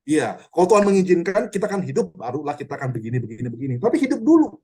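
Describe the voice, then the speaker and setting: A man, a pastor, teaching a Bible study online in an animated, conversational way, quizzing listeners by name. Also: on the high side, very fast, breathy edge. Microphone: online video call.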